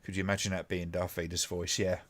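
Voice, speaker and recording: A man from the United Kingdom chats casually on a live stream about old clips, rambling with fillers and chuckling now and then. He speaks quickly in a low-pitched, level tone.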